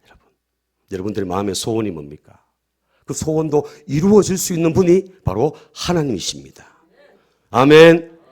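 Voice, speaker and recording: Animated pastor preaching. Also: male voice, brisk, husky. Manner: call-and-response preaching, prompting the congregation to repeat; swings between soft low asides and loud emphatic peaks. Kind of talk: sermon.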